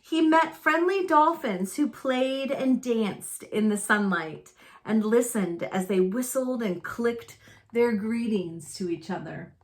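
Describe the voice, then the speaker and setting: A woman with a fairly high voice reads a picture book aloud to young children. She takes her time, speaking slowly and deliberately, and her simple phrasing fits a storytime reading.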